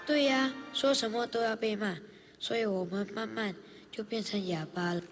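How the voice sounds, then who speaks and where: Actress as a resigned, wistful youth, high-ish voice, clear music underneath. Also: female voice, steady tone, normal speed. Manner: wistful, complaining. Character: young person resigned to silence. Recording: voice over loud music.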